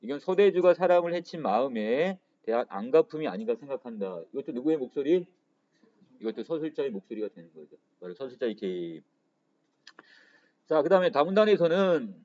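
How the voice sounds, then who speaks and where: Male literature tutor, lively and warm-toned, given to "자" fillers and self-answered questions, on a muffled recording. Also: a little high, moderate pace. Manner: frequent "자" fillers, asks students questions then answers them. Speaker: Korean literature teacher. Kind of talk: exam prep lecture. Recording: dull lo-fi lecture audio.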